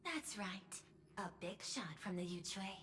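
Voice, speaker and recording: A woman's voice: mid-range voice, expressive, measured pace, fairly bright tone, a little hiss or hum. An actress voicing a poised, calculating woman CEO in a video game, formal and faintly menacing.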